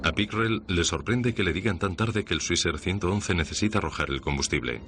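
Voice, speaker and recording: A man reading a scripted documentary narration in a measured, serious way. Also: sits low. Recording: music under the voice. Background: background music.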